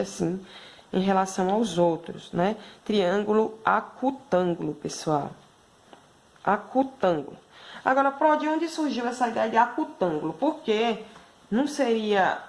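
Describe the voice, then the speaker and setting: A woman with a Brazilian Portuguese accent giving a video math lesson to schoolchildren, explaining patiently and checking in with constant tag questions. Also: medium pitch. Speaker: primary school math teacher.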